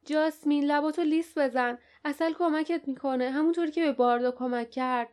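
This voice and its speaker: A woman's voice: high voice, a little mellow, voice pushed up, natural voice. A woman voicing a brave young male hero who speaks earnestly and urgently. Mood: gentle.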